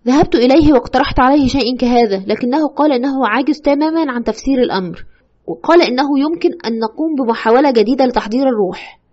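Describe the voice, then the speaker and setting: A woman's voice: high voice, fast, darkish tone, lo-fi sound. A woman playing a frightened widow haunted by her husband's ghost, retelling her story in a fearful, urgent way in an audio horror drama. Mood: tense. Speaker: storyteller consulting a doctor.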